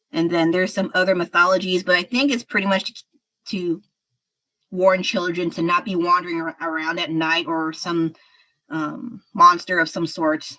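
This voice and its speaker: Woman streamer, casual and talkative, slightly unwell, bright tone, lowish pitch. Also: low-quality recording. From United States. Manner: chatty, rambling, frank. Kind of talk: casual livestream chat while painting.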